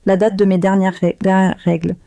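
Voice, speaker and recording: A woman narrates a first-person story in a dark, mellow voice, slow and subdued. The sound is dry and close, with no room around it. Her delivery stays measured throughout. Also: medium pitch, flat delivery, creaky, dry recording.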